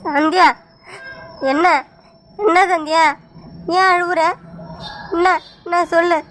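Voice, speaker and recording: A woman's voice: very high-pitched, fairly even intonation, slow pace, a bit bright, a little hiss or hum, exaggerated voice. A woman with a Tamil accent voicing a desperate young man in a cartoon, pleading tearfully. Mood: distressed.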